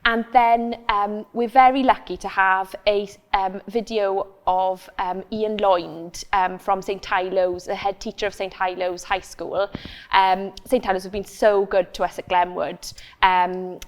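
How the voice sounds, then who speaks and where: A woman's voice: mid-range voice, fairly even intonation, measured pace. A woman co-hosting an online church service, chatting and introducing what comes next. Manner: warm, enthusiastic. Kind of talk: casual chat.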